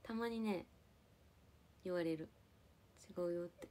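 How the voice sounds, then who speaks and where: This live streamer, a young woman from Japan, speaks in a fairly low, mellow voice and takes her time. She's relaxed and playful with her audience, laughing as she responds to comments.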